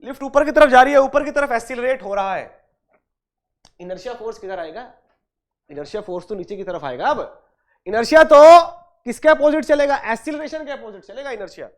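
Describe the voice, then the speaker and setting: A man's voice: very high-pitched, brisk. Repetitive, question-asking male lecture teacher. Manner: repeats questions and answers them himself, calls students dear and brother; mixes English technical terms into Hindi speech. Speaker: engineering exam-prep teacher. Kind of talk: online lecture.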